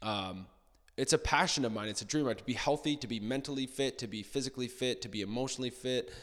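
A man records a casual solo podcast in a bare room with long, ringing reverb, as echoey as under a bridge. His mid-pitched voice moves haltingly as he thinks aloud. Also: fairly bright tone. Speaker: podcast host. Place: indoor room with bare hard walls.

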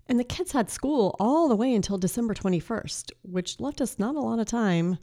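A woman in her thirties hosting a casual faith-based podcast as a life coach, slightly hoarse from a cold and chatty, with filler words and laughs. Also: fairly high pitch, lively intonation, normal speed, warm tone.

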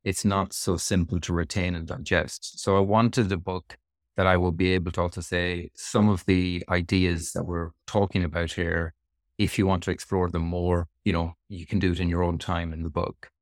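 A man's voice: sits low, level tone, moderate pace, no echo, clean studio sound. A middle-aged man with a west of Ireland accent, explaining things reflectively as a guest in a conversational interview. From Sligo, west of Ireland.

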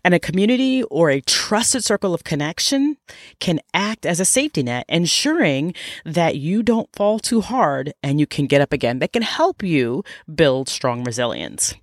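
A woman's voice: low-pitched, big pitch swings, moderate pace, no room sound, clean studio sound. A woman with a nasal, congested voice from a cold, delivering a scripted motivational podcast monologue with emphatic points addressed straight to the listener. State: sick with a cold. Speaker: podcast host, life coach.

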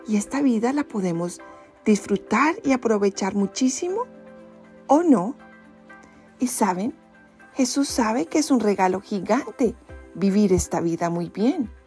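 A woman with a Latin American Spanish accent speaks like a kids show host, reading and explaining a Bible story to children in simple, expressive words with direct questions. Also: fairly high pitch. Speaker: children's religious teacher and presenter.

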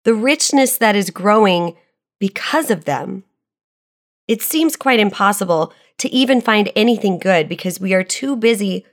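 A woman reads a devotional reflection in an earnest, measured voice, moving between scripture and her own experience. Her pitch sits in an ordinary middle range, neither high nor low. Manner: earnest, measured, personal storytelling.

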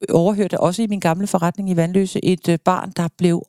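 A woman's voice: fairly low pitch, steady tone, dark tone, dry recording, clean studio sound. A middle-aged woman, a podcast guest, telling personal stories earnestly in a casual conversation. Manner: earnest storytelling.

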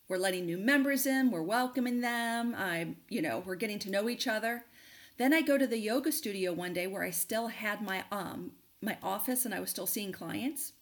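A middle-aged woman hosting a podcast, candidly telling a personal story and giving advice in a conversational way with plenty of fillers. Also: mid-range voice. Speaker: podcast host and coach.

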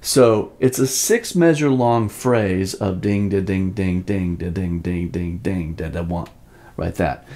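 A man with a low, dark-toned voice teaches drums informally, explaining things step by step. To show rhythms, he occasionally sounds them out in syllables.

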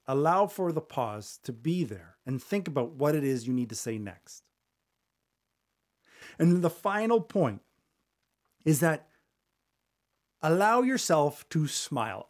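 A man hosting a solo podcast from a small studio, talking fast and conversationally into a studio microphone. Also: a little high. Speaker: podcast host. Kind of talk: solo podcast advice talk.

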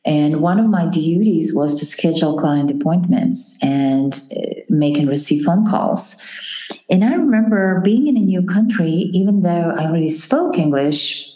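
A woman in her forties with a Kazakh accent hosts a solo podcast. Her voice is low and warm, and she speaks earnestly, often restarting a thought. She is recorded in a roomy, echoey space with faint music underneath. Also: animated, measured pace. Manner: earnest, reflective, with frequent restarts and fillers. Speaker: podcast host.

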